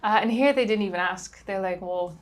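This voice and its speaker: Talking to camera for her travel vlog, a young woman from the Netherlands keeps things casual and brisk. She has a medium-pitched voice and a Dutch accent, and her speech is full of ums and likes.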